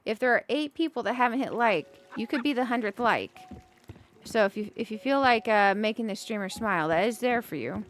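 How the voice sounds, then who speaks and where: A woman's voice: on the high side, animated, a little fast, slight background noise. A woman streaming a cozy game, chatting casually with viewers and thinking aloud as she decorates, with giggly bursts. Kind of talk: casual gameplay commentary.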